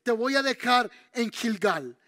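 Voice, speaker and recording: An old male prophet speaks gently but insistently to his disciple, as a preacher acts him out in a sermon. The voice sits very high for a man. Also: animated, measured pace, full character voice. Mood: pleading.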